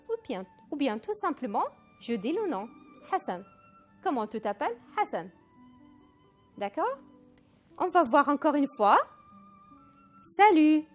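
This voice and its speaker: Slow, lively woman teaching French. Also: high voice. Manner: slow, deliberate model phrases for repetition, mixing in Arabic. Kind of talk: recorded language lesson.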